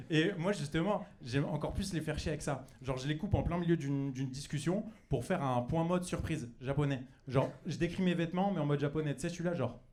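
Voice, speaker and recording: Young man doing stand-up comedy. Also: a little high. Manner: loose, chatty delivery with many fillers and restarts, breaks into silly put-on voices. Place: comedy club stage. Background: audience laughter.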